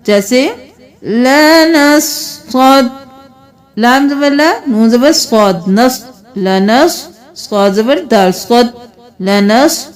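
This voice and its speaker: A woman teaching Quran recitation, patiently explaining the rules and spelling words out slowly, letter by letter. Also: fairly high pitch, darkish tone. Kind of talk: Quran reading lesson.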